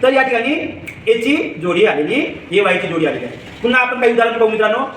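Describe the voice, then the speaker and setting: A man giving a children's phonics lesson, slowly spelling out letters and asking the viewer questions, then answering them himself. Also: extremely high pitch, animated, fairly bright tone, slight background noise. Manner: slow, patient, spells letters one by one. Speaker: teacher. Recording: echoey room, far from mic.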